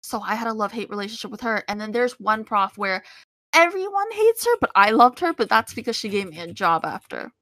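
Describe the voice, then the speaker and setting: A woman in casual chat, candidly telling animated stories and acting out what others said. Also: medium pitch, fast talker, hardly any pauses, no room sound. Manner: candid, animated storytelling, acts out quotes.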